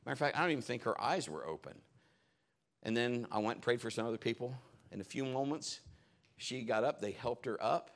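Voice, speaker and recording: A pastor with a mid-range voice preaches at a church service, speaking briskly. He tells stories conversationally, animating the retelling by acting out the quotes in his sermon.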